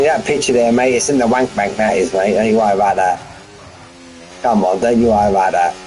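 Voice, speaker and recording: Bantering with his viewers, this man calls a sim race live on a stream from the front room of his home. He has a mid-range, slightly mellow voice, and the recording is rough.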